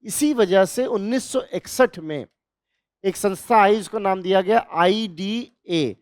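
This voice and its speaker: A man teaching an exam revision class, posing questions and answering them, repeating key terms slowly. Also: sits high, no room sound, clean studio sound. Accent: Hindi. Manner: explanatory, asks and answers own questions.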